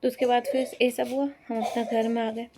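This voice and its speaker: A woman's voice: on the high side, little pitch movement, a little fast, crowd noise. Chatty young woman telling a story. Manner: chatty, rambling retelling with fillers. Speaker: vlogger. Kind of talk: casual storytelling vlog.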